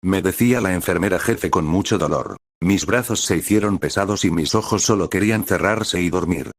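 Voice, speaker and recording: A man's voice: low-pitched, brisk, dry recording, studio quality. A man reading a fan fiction story aloud in the first person, with emotional, dramatic storytelling.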